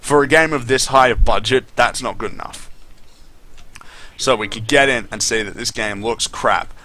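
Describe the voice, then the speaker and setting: Disgruntled, sweary male gamer with a bright voice. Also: medium pitch, normal speed, slight background noise. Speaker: gaming commentator. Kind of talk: casual gameplay commentary.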